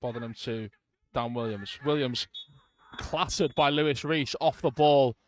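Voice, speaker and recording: A man giving live radio commentary on a football match from the stands, calm play-by-play with brief asides to listeners. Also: mid-range voice, measured pace.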